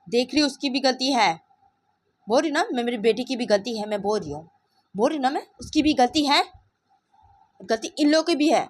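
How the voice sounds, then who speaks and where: A woman's voice: sits high, lively intonation, fairly quick, pauses often, voice pushed up. A woman voicing a tearful, scolding middle-aged mother who repeats herself insistently. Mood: upset scolding.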